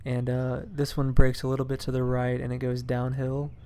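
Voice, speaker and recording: Calm, flat-voiced young man recapping golf. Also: medium pitch, normal speed, smooth. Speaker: scratch golfer. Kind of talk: voice-over recapping his golf shots.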